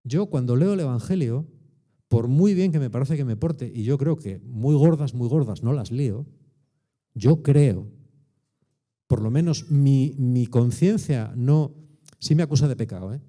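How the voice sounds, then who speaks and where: Man, 60s, Spanish accent, sermon, very dark warm tone, colloquial, emphatic. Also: mid-range voice, expressive, measured pace. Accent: Spain Spanish. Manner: colloquial, emphatic, peppered with rhetorical tags. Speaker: preacher.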